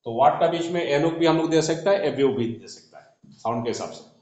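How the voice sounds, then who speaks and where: A man's voice: on the high side, brisk. Man teaching in an echoey room. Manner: talks while writing on a board, spells letters aloud, trails off softly. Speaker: shorthand teacher. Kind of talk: classroom explanation. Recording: echoey dull room recording.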